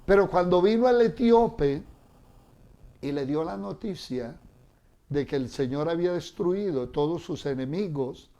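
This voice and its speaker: A man preaches at a very unhurried pace. His voice sits somewhat high but sounds mellow and warm. He retells the scripture dramatically and keeps turning to the listeners with questions. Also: lively intonation, muffled recording. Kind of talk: sermon.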